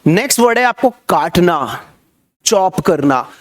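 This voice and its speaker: A young man teaches kitchen vocabulary in a lively way, repeating each word and quizzing his listeners as he goes. His voice sits high for a man. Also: unhurried. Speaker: spoken English teacher. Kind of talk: Hindi-language vocabulary lesson.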